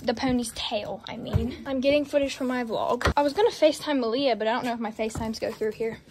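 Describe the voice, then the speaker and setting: A woman's voice: a little high, fast talker, background noise. A young woman recording a casual barn vlog on her phone, chatting to viewers and explaining each step of grooming and tacking up her horse. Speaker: vlogger. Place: indoor horse barn aisle and stalls. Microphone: phone camera, held or propped nearby.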